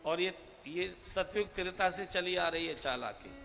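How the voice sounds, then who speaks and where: A man giving a devotional scripture discourse as a spiritual preacher, measured and emphatic, drawing out key phrases. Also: high voice, gravelly. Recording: long hall reverb with instrumental music behind.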